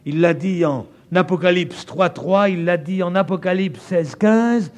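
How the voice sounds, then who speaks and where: A man from France preaching a sermon in a French accent, stressing key words emphatically and stretching them out. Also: measured pace. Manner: emphatic, stretching key words, wide swings in pitch and loudness.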